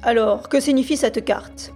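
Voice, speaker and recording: A woman's voice: fairly high pitch, normal speed, darkish tone, faint music behind, natural voice. A woman voicing a stern, skeptical male investigating judge who questions in a demanding way, in an audiobook reading.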